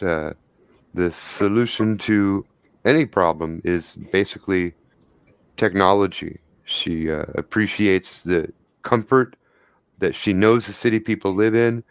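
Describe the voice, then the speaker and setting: Smooth, lowish-voiced man running a game. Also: dry recording. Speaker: game master. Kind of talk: improvised tabletop game narration.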